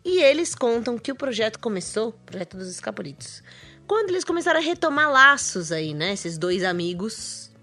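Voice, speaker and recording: A woman's voice: fairly high pitch, big pitch swings, brisk, bright, forceful tone. A woman co-hosting a radio music show, introducing a band in light, playful banter. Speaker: radio host. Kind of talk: casual radio chat introducing songs.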